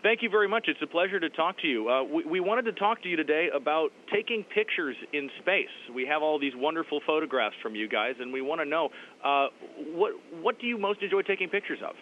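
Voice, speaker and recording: A man's voice: a little high, expressive, fairly quick. A man working as an interviewer, asking chatty, inquisitive questions in a conversational way. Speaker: TV station interviewer. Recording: tinny phone-like line, faint noise.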